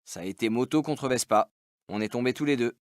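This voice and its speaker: Textbook audio: a man playing a calm guy telling of a crash, matter-of-fact, dry close sound. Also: medium pitch, fairly quick, no echo, lightly acted. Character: adult man calmly recounting a scooter crash. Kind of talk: scripted textbook audio dialogue.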